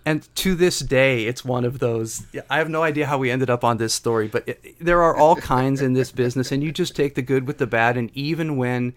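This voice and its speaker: A man's voice: mid-range voice, fairly quick, hardly any pauses. A middle-aged man, a guest composer, chatting casually on a podcast and drifting into wry, rambling stories from his work. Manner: storytelling, digressive, wry.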